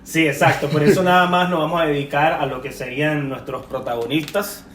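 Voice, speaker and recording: A man's voice: on the high side, steady tone, fairly quick, fairly bright tone. Rambling man, echoey and distant. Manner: rambling, self-correcting, laughs often. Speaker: podcast co-host. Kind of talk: casual film-discussion podcast. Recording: echoey room, off-mic, faint noise.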